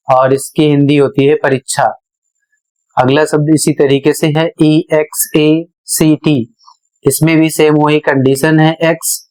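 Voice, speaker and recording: A man's voice: a little high, poor audio. A man giving a pronunciation lesson, spelling out words letter by letter and explaining each one. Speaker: English teacher.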